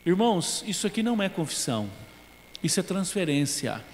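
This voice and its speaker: A Brazilian man with a high voice preaches a sermon, telling stories from his own life. He acts out the dialogue in them and swings from loud, emphatic lines to quiet, hushed ones. His voice rings with the long reverb of a church. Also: sing-song, fairly quick. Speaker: pastor.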